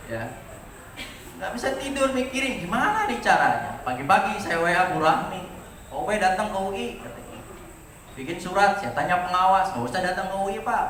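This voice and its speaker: A man in his forties, a teacher, giving a lively farewell speech to his graduating students and telling stories with rhetorical questions. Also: high voice, recorded from a distance, slight background noise. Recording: echoey room, voice from afar, audible ambience.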